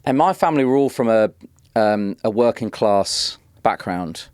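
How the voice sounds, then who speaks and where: A man in his forties from Northeast England, a guest telling long, animated stories in casual chat. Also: fairly low pitch, normal speed, clear, resonant tone, dry recording, studio quality. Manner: animated, rambling anecdotes with many restarts. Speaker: guest, drum and bass producer. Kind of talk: casual storytelling. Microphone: podcast studio mic.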